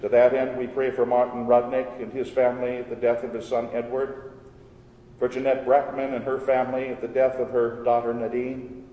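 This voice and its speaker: Guy leading church prayers, slow and solemn, big cathedral echo all around, mid-pitched voice. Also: completely flat delivery, dark tone. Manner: measured, solemn intoning. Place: large church. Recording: echoey hall with long reverb, faint rumble.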